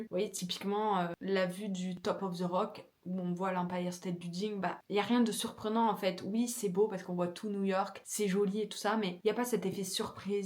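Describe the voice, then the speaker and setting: A young French woman talking frankly to camera in a casual travel vlog, chatty and full of fillers. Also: fairly low pitch. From France. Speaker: travel vlogger.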